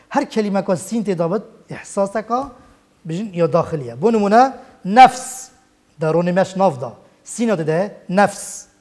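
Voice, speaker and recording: A man with a Kurdish accent, a Quran teacher giving a religious language lesson, who repeats Arabic word forms slowly and with emphasis. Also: high voice, a little mellow. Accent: Kurdish (Badini).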